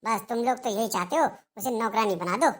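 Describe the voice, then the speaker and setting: A melodramatic older mother-in-law who taunts and wails, as a woman voices her for a cartoon. The voice sits a little high and talks in a scolding, complaining sing-song. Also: a little fast, natural voice. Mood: sarcastic. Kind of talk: Hindi cartoon dialogue.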